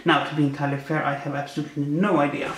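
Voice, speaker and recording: A man's voice: on the high side, little pitch movement, rapid-fire, fairly bright tone, a little hiss or hum. Man in an echoey bare room. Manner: wry, punning asides about each card. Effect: echoey sound from a bare, unfurnished room. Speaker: unboxing video host. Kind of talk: casual unboxing commentary. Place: new apartment, not yet furnished, indoors.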